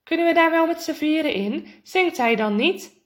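Woman doing an excited young boy. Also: very high-pitched, moderate pace, voice pushed up. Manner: eager, exclamatory.

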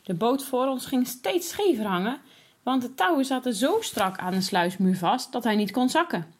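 Expressive woman reading a story. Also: a little high, moderate pace, slightly rough. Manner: lively, expressive reading with voiced dialogue. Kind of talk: children's story read aloud.

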